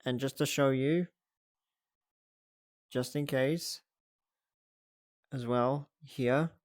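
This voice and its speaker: A livestreamer hosting a reaction stream speaks unhurriedly in a steady, slightly mellow, mid-pitched voice, thinking aloud, chatting, and giggling easily. The capture is close and dry with almost no room sound.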